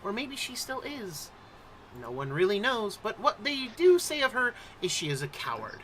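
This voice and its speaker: A man's voice: sits high, wildly swooping pitch, normal speed, a bit bright, slight background noise, low-quality recording. A man hosting as game master, introducing and narrating a tabletop game like a theatrical storyteller.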